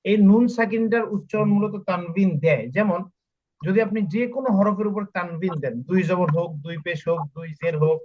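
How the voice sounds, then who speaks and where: A man with a fairly high voice teaches an online Quran reading class. He spells out each letter and repeats every sound slowly and patiently for his students. His voice comes through as a dull, muffled call recording. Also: steady tone. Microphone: online call audio.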